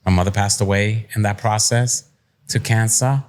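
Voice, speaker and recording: This podcast guest, a middle-aged entrepreneur from Puerto Rico, speaks at normal speed in a steady, somewhat low voice. The interview is candid and conversational, with him sharing personal stories in a plain-spoken, streetwise, reflective way.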